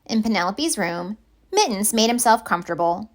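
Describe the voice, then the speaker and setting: A medium-pitched woman reads aloud from a children's picture book, telling it in an expressive, deliberate way.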